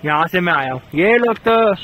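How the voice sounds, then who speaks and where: A man's voice: high-pitched, animated, moderate pace, muffled recording. Chatty young man vlogging on a trail. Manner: chatty, addresses viewers as bhai. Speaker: travel vlogger. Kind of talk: casual vlog chat. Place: outdoors on a mountain trail.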